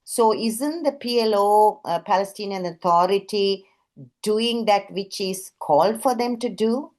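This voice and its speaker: Woman moderator, mid-pitched, probing questions, cuts in. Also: measured pace, darkish tone. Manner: probing, interrupting with pointed questions. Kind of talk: panel discussion.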